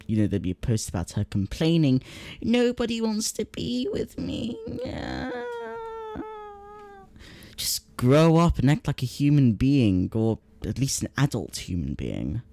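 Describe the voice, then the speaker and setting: A man's voice: medium pitch, warm tone, no echo. A man hosting a comedy commentary video, reading out social media posts in a sarcastic, exasperated tone. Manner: sarcastic, exasperated, mock-incredulous.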